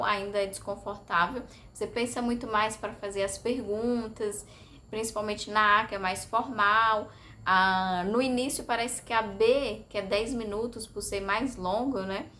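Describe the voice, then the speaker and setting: A woman's voice: fairly high pitch, pushed and bright, slight background noise. A Brazilian woman talking casually to her viewers, chatty and hesitant, often tagging on little questions and filler sounds. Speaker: vlogger sharing language-study experience. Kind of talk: casual talk to camera.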